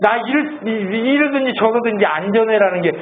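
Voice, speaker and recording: A male pastor preaching a sermon in an animated, conversational way, asking the congregation lots of questions. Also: sits high, normal speed. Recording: tinny phone-like sound, faint hiss.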